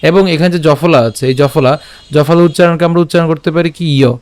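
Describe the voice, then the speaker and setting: A man with a somewhat high voice leads a pronunciation lesson, slowly sounding out a verse syllable by syllable. He keeps checking in and repeating each part patiently. The sound is close and dry. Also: steady tone, a little mellow, no echo. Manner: slow syllable-by-syllable recitation. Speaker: Gita teacher.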